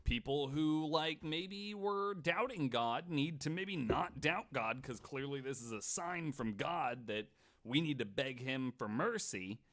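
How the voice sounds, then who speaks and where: The podcast host's voice here is mid-range and fairly bright, with lively intonation and a slightly slow pace. Casually recounting a story, he curses a lot and scatters "like" and "right" throughout.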